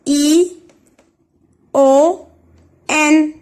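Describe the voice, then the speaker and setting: A woman teaching a reading lesson, speaking slowly and spelling out sounds and syllables one at a time with careful enunciation. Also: high-pitched, steady tone, a little mellow.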